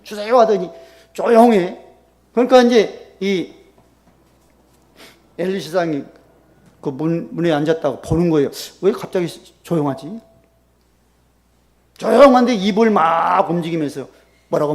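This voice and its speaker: Gravelly, lively Korean pastor preaching. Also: male voice, high-pitched. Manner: animated preaching, acting out quoted prayers with sudden loud bursts and soft drops. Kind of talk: sermon.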